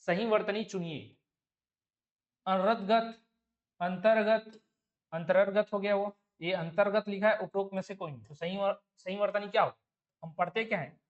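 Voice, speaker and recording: Male exam-prep tutor, Chhattisgarhi Hindi accent, high-pitched, dull lo-fi sound. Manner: explains step by step, asks rhetorical check questions. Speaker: teacher.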